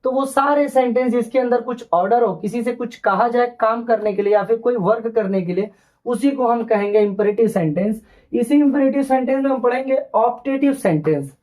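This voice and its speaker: A man's voice: very high-pitched, darkish tone, low-quality recording. Patient male teacher explaining grammar. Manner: patient, repeats each point and spells out English examples slowly. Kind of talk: grammar lesson for children.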